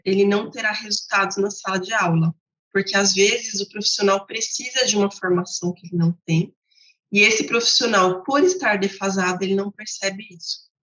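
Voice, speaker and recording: A woman's voice: medium pitch, sharp tone. A woman with a Brazilian Portuguese accent, a literacy educator explaining ideas to teachers in a didactic way, repeating her points through contrasts. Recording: roomy, slightly dull sound.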